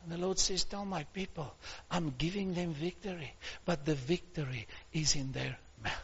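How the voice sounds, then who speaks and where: A man preaching a sermon, calling out to his congregation and building to shouts. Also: a little high, normal speed, muffled recording, slight background noise. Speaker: pastor.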